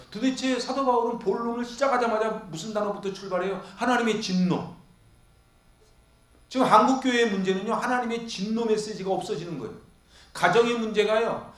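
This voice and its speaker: A man preaching to his congregation in a high, bright-toned voice. He keeps putting questions to the room and answering them himself. The sound rings around a reverberant church hall. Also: a little fast. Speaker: pastor. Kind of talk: expository sermon. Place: church sanctuary.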